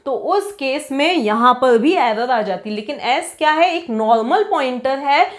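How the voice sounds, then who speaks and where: A woman's voice: high-pitched, expressive, a little slow. A woman explaining programming, constantly asking and answering her own rhetorical questions. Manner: quizzes herself with repeated rhetorical questions. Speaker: programming teacher. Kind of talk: classroom-style coding lecture.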